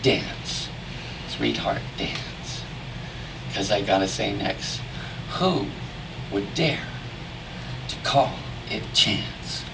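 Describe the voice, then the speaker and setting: A man reciting cowboy poetry as drawn-out storytelling verse, with folksy rustic diction and dramatic pauses. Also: fairly low pitch, expressive, creaky. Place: live poetry reading at a venue. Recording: distant mic in noisy live room.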